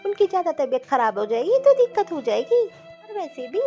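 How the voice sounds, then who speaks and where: Woman putting on a kindly old cartoon mother-in-law, soft and fond, lively high voice, kinda muffled lo-fi sound. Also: fairly quick, faint music behind. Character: older gentle caring mother-in-law. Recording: dull lo-fi audio.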